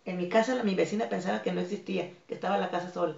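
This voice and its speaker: A Mexican woman with a Mexican Spanish accent, speaking as a guest in a podcast interview, earnest and firm, softening her voice when she acts out calm replies. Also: fairly low pitch, racing, gravelly. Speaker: guest, dance academy founder. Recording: echoey, dull lo-fi room.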